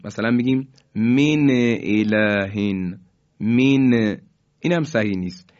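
A man teaching Quran recitation rules in a classroom-style lesson. He explains briskly, then draws out example words slowly and clearly. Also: mid-range voice. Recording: dull, muffled lo-fi recording.

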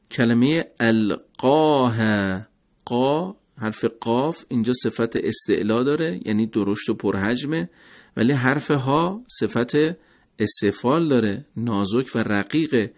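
Male teacher, mid pitch, patient lesson delivery with slowed word demonstrations. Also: animated. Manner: slow, deliberate, repeats words to demonstrate sounds. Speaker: recitation teacher. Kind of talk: pronunciation lesson.

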